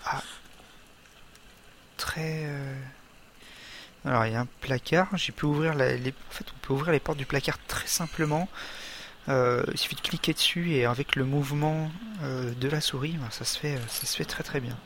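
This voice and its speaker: A man narrating his own play of a horror video game, hesitant and halting, full of fillers and restarts. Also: medium pitch, steady tone, fairly bright tone, a little hiss or hum. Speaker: gamer. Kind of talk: let's play commentary.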